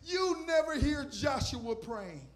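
A man preaching a sermon on a church stage into a handheld microphone, moving between loud shouted lines and quiet asides. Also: very high voice, very animated, slow pace. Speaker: visiting pastor. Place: church stage with purple lights.

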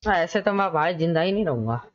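A young man chatting excitedly and joking with friends during an online shooter game. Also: on the high side, fast, no echo. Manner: excited, pleading, joking banter. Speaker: gamer. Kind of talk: casual gaming chat. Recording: dull lo-fi voice chat.

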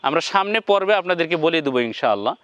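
Guy teaching quran reading, spells out each sound slow, smooth resonant voice. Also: fairly high pitch, big pitch swings, a bit bright, no room sound, lo-fi sound. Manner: spells out syllables slowly, then chants the words. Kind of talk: step-by-step lesson.

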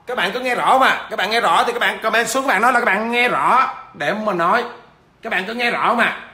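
A man's voice: sits high, fairly quick, bright, forceful tone. A man, a business trainer, giving a livestreamed lecture; he stammers at times and keeps checking in with viewers through questions.

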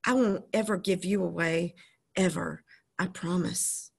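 A woman voicing a stubborn, loyal ten-year-old farm boy in a storybook reading, pitching her voice up to sound earnest and pleading. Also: fairly even intonation, a little slow, gravelly, husky, heavily acted. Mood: tender.

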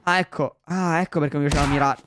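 A young man commenting on a video game for his viewers, excitable and full of exclamations. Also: fairly high pitch, quick pace, very noisy. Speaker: gaming YouTuber. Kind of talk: Let's Play commentary.

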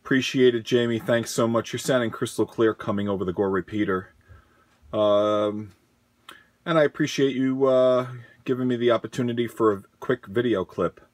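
A man's voice: mid-range voice, moderate pace, no room sound. A man giving a casual equipment demonstration as an amateur radio operator, recorded on a handheld camera in a small room. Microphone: handheld camera or phone, operator behind it.

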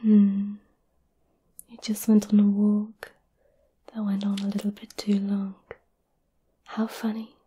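A woman doing a whispered role-play as a gentle, caring witch, soothing and a little hesitant, close to the microphone. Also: mid-range voice, monotone, slow, pauses often. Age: 20s. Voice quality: breathy whisper. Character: gentle, caring centuries-old witch offering potions. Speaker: ASMR performer. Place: small candlelit indoor room.

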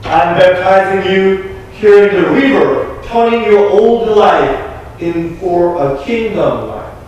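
A young man with a Korean accent, a pastor delivering an earnest, emphatic sermon with deliberate pauses. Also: high voice, lively intonation, a little mellow, highs cut off, a little hiss or hum. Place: small church sanctuary. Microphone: room mic from a distant camera. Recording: echoey church from far off.

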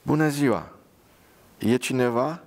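A man's voice: lowish voice, lively intonation, gravelly. A man voicing a pious, blunt young woman dressed as a nurse, with an earnest, scolding manner.

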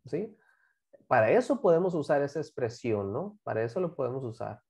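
A woman, an English teacher giving a class to children, repeating example phrases slowly and quizzing her students. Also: extremely low pitch, sing-song, vocal fry, warm tone. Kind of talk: online class teaching English grammar to kids.

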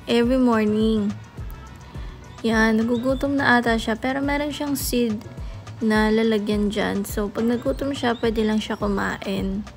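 A woman's voice: fairly high pitch, fairly even intonation, unhurried, faint music behind. A young woman from the Philippines chatting casually to viewers in a vlog, filmed on her phone. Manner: chatty, addresses viewers directly. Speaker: vlogger. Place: home bedroom, then riding a motorcycle outdoors. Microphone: phone held at arm's length.

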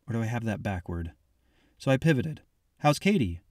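A man's voice: fairly low pitch, lively intonation, brisk, dark tone, no room sound, clean studio sound. A man narrating a first-person audiobook in a reflective, confiding way. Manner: reflective, confiding, addressing the listener as "you".

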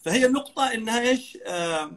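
A man's voice: very high-pitched, expressive, quick pace, a bit bright. A man, a dentist guest in an interview, earnestly explaining and dropping English medical terms into his talk.

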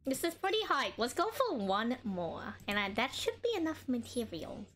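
A woman's voice: fairly high pitch, sing-song, normal speed, a bit bright. A woman streaming a card game, chatting casually and bubbly, laughing often and talking while she eats.

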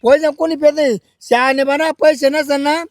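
A man's voice: very high-pitched, fairly even intonation, moderate pace, dry recording. A man with a rural Marathi accent playing a meddling middle-aged village man who lectures a young couple in a comedy sketch. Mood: advising. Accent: rural Maharashtra Marathi. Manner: lecturing, insistent. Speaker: village elder in a skit.

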